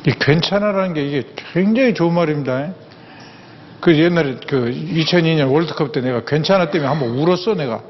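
A man's voice: fairly high pitch, brisk, slight background noise. An older man giving a humorous lecture, folksy and anecdotal, repeating words for emphasis. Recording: echoey hall, dull sound, faint ambience.

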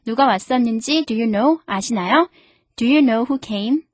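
A woman with a fairly high voice teaches English grammar on a radio program. She talks in a friendly, explaining way and slows down carefully when she reads sentences aloud. The sound is a close, dry studio recording. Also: no echo. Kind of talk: scripted radio English lesson. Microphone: studio microphone.

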